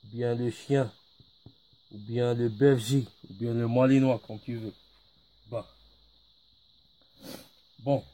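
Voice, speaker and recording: A man's voice: medium pitch, fairly even intonation, takes it slowly, long pauses, warm tone. A man teaching a lesson in French, patiently repeating each word. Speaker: Arabic teacher. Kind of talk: slow spoken lesson.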